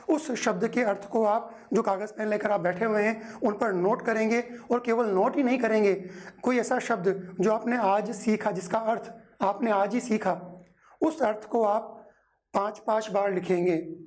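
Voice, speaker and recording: A man's voice: sits high, a little slow. A man teaching a Hindi grammar lesson in an exam-prep lecture. He drills pronunciation by stretching out sounds, repeating his own questions and answers, and calling on viewers as friends to speak along.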